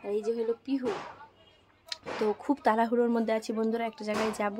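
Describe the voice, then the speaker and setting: A woman's voice: fairly high pitch, little pitch movement, fast, noisy background. A young woman chatting casually to her viewers in a home vlog, filming on her phone. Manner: chatty, coaxing and soothing with her child. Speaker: vlogger and mother.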